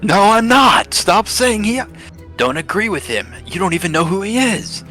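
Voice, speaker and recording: A man voicing a lean, twitchy swordsman who bickers with a talking sword, defensive and quick to snap. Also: medium pitch, sing-song, soft background music, full character voice. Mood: indignant. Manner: defensive, snapping and loud. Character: jumpy lean male swordsman arguing with his sword.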